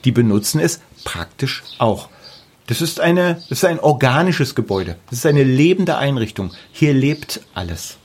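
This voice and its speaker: A man's voice: medium pitch, lively intonation, moderate pace, darkish tone, slightly rough. A middle-aged man with a German accent, speaking casually and emphatically in an interview about the house he builds, often repeating words for stress. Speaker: artist building his house.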